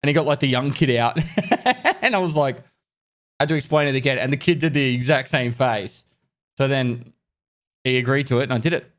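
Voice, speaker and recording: A man's voice: mid-range voice, brisk, pauses often, a bit bright. An Australian man streaming a game over a headset mic, chatting casually and trailing off with hesitations as he thanks viewers. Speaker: gaming streamer. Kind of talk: casual livestream chat while gaming. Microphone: livestream headset mic.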